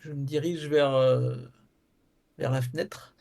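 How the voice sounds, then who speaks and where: Male tabletop player, hesitant, repeats words, gravelly, mellow tone. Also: mid-range voice, steady tone, slow pace. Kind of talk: describing his character's actions in a tabletop game.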